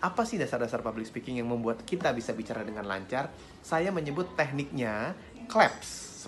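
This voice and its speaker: A man teaching public speaking in a friendly, lively way, swinging his pitch up and down to show intonation. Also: a little hiss or hum. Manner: friendly, chuckles between points. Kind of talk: instructional talk to camera.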